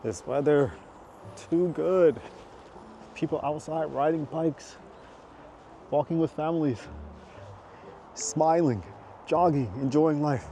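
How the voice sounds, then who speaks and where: Walking outdoors on a city park walkway, a man from the US vlogs casually, wandering from point to point with many fillers. His voice sits on the high side and is warm, the pace slow with long pauses, and there is slight background noise.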